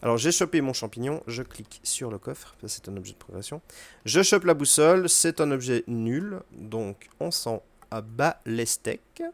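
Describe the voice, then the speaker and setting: A man's voice: medium pitch, gravelly, dry recording. Man casually explaining a game run. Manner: relaxed explaining with fillers and quick asides to the game. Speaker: gaming video host. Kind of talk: casual gameplay commentary.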